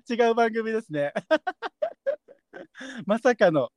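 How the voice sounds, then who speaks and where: Lively, polite podcast host man. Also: very high-pitched, drawn-out words, no echo. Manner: polite and playful, laughs often. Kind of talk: casual podcast chat.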